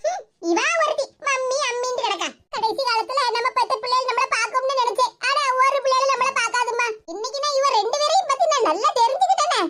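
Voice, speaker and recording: A woman's voice: very high-pitched, fast. A woman voicing a bitter, self-pitying old village mother in a cartoon who scolds her daughter with sarcasm. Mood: grumbling. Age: older. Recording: loud background noise.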